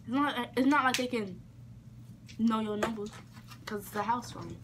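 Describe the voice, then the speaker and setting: Sitting in her bedroom with the camera propped on the bed at arm's length, a young woman who makes prank-call vlogs jokes around and teases bluntly. She speaks on the high side at a normal speed, captured on noisy home camera audio.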